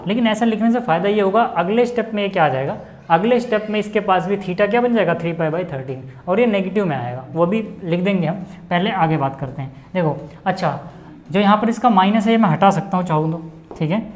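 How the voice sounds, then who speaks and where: A man's voice: high voice, fairly quick. Chatty male maths teacher. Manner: chatty, keeps checking in with "okay"; calls viewers brother in a friendly way. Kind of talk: blackboard lesson explanation.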